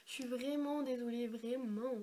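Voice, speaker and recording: A young adult woman vlogger, her voice congested and sick-sounding, explains things in a casual, chatty and rambling way. Her voice is on the high side, mellow and steady, at a normal speed. The audio is noisy, typical of amateur home video.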